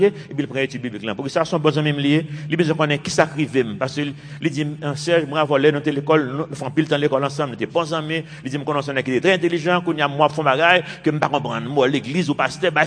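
A man's voice: on the high side, racing, few pauses, a bit bright. A man in his fifties, a pastor preaching a sermon with emphatic, repeated phrases. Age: 50s. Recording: long reverb of a large hall.

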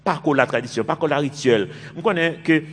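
A man's voice: a little high, fairly quick, breathy edge. A man in his fifties, a pastor preaching a sermon with emphatic, repeated phrases. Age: 50s. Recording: long reverb of a large hall.

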